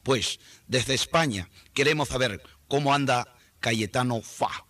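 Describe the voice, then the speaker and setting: A man voicing a pompous radio announcer broadcasting from Madrid, speaking slowly, with a put-on Spanish accent. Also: medium pitch, a bit bright, dry recording, pitched below the performer's own voice. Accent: put-on Spanish (Spain). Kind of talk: comic mock radio broadcast.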